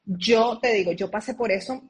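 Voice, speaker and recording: A woman's voice: medium pitch, moderate pace. A woman speaking as an interview guest over a video call, earnestly explaining and drawing on her own experience.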